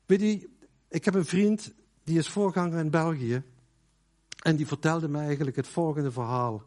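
A man preaching a sermon in a loose, conversational way, with many fillers and quoted lines that drop to a hush. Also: on the high side, moderate pace. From Netherlands.

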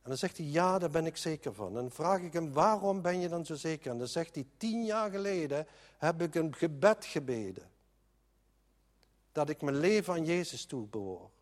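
A man's voice: a little high, big-room sound. A man preaching a sermon in an earnest, emphatic way, often restarting his sentences.

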